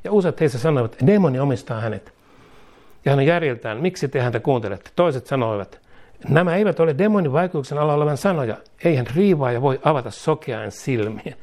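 A man preaching a sermon, rising in force as he exhorts and leading prayers phrase by phrase. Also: a little mellow. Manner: leads the congregation in prayer, phrase by phrase; rises in pitch and force as he exhorts. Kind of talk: sermon with call-and-response prayer.

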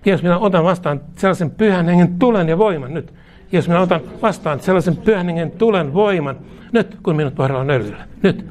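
Male preacher, fairly high voice, fervent, leads call-and-repeat prayer. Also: a little mellow. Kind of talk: charismatic prayer leading.

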